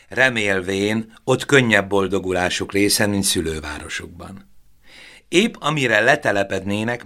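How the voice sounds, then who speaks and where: A man narrating a novel in a measured, expressive audiobook reading. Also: on the low side.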